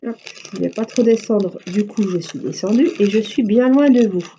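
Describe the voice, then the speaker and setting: A woman's voice: mid-range voice, normal speed, warm tone, highs cut off, slight background noise. A middle-aged woman chatting casually on a live stream, rambling through everyday anecdotes. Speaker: craft live-stream host.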